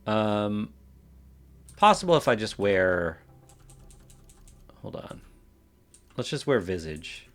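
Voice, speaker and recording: A man's voice: lowish voice, very animated, slow, pauses often, fairly bright tone. A man casually commenting on a game he plays, thinking aloud and reading out game text. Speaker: game streamer. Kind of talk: let's play commentary.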